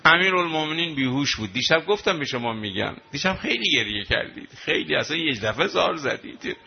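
A male preacher with a gravelly, slightly high voice, delivering a sermon that turns into a wailing lament. The recording is dull and lo-fi, with faint ambience behind him. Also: big pitch swings. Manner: emotional, rising to a wailing lament. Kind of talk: religious sermon with mourning recitation.

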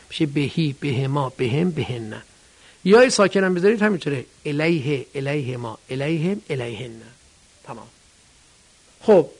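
A man's voice: a little high, vocal fry. A male teacher giving a grammar lesson, asking questions and answering them himself, speaking directly to his students.

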